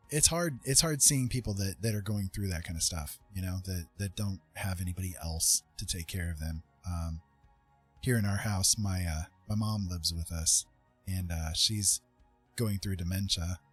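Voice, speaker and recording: A middle-aged man hosts a livestream, talking casually about personal matters in a low voice with a breathy edge. He sounds earnest, hesitant and reflective, working out his thoughts as he speaks.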